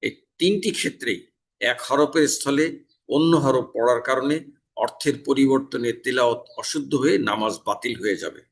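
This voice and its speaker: A man from Bangladesh teaching Quran recitation rules in a mosque, his pitch sitting at an ordinary middle height. He explains each recitation error plainly, then stretches the verse examples out slowly and deliberately. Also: husky. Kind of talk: tajweed lesson with recited examples. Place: mosque in Dhaka.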